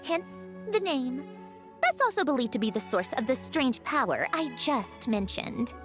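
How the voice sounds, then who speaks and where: A young female mechanical genius from a video game, proud and exacting. Her high voice moves with animated pitch as she lectures precisely and a little impatiently, with music underneath. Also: unhurried, heavily acted. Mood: lecturing, matter-of-fact. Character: haughty, matter-of-fact young female mechanical puppet genius. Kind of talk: scripted video game voice acting.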